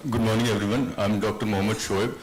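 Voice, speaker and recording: A male consultant neurosurgeon introducing himself hesitantly, with many pauses. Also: on the low side, little pitch movement, a little hiss or hum, poor audio. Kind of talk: self-introduction.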